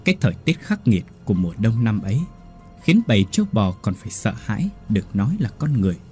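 A man's voice: on the low side, sing-song, quick pace, a little mellow. A man narrating a horror story with dramatic delivery. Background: faint music.

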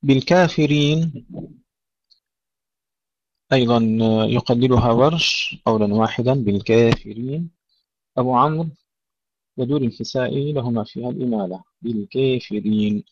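A man teaching a tajweed lesson, reciting words slowly to demonstrate and correcting common mistakes. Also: medium pitch, steady tone, dry recording. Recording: dry, dull lo-fi audio.

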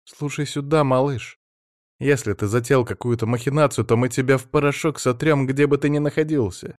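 A man voicing a gruff, sarcastic female soldier in an audiobook, grumbling and rude. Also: mid-range voice, expressive, fairly quick, no echo, studio quality, voice pushed up, natural voice. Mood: threatening. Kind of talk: audiobook reading.

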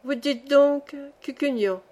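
A woman's voice: high-pitched, takes it slowly, a little mellow, voice pushed up. Woman reading as a solemn, formal angel. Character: grand solemn male angel keeping a ledger.

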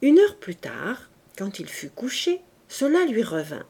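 Woman, audiobook narrator, calm, deliberate, very slow pace, classic novel reading. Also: medium pitch, gravelly, slightly rough. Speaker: audiobook reader.

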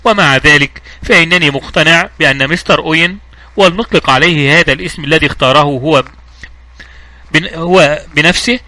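A man reading a calm, commanding old judge. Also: on the high side, no room sound. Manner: measured and clear. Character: calm, authoritative elderly male judge. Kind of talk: audiobook reading.

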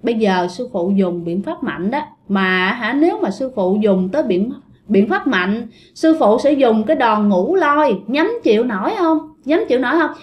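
A woman voicing a patient Buddhist nun who gently coaxes a spirit. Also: fairly high pitch, expressive, moderate pace, natural voice. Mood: coaxing. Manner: coaxing, gently insistent.

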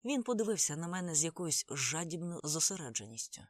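An audiobook narrator reading a first-person novel in a measured, steady storytelling manner. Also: mid-range voice, no room sound, studio quality.

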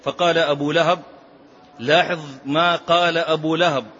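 A man's voice: on the high side, fairly even intonation, moderate pace, fairly bright tone. Emphatic male scholar, lo-fi lecture. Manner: emphatic, repeats key phrases, recites chains of narration. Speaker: Islamic scholar teaching prophetic biography. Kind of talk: religious lesson with hadith recitation. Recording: dull lo-fi lecture recording.

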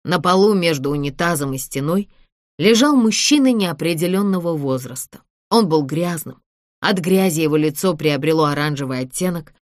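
A woman reading a thriller audiobook in a steady, measured way. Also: deep voice, no room sound, studio quality. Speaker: audiobook narrator. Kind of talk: scripted thriller narration.

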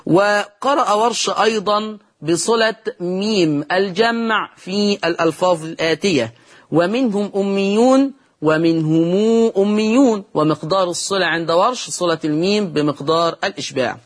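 A man with an Egyptian accent gives a televised recitation lesson in a notably high voice. He speaks patiently and draws out each example word in a slow chant before explaining the rule to his viewers. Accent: Egyptian Arabic. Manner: patient and encouraging, addresses viewers directly. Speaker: Quran recitation teacher.

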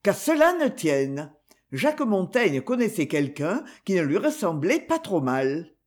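Expressive man reading a detective story. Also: high-pitched, unhurried. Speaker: narrator. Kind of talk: audiobook reading.

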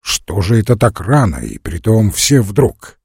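A man reading an audiobook voices an eager, fussy young gentleman who pleads effusively with his guests. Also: fairly low pitch, sing-song, measured pace, creaky, husky, dry recording, clean studio sound, heavily acted. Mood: pleading.

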